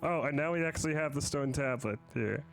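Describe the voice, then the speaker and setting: An easygoing man streaming a game in casual chat, often halting and apologetic as he talks. His voice sits somewhat high for a man, with faint music behind him.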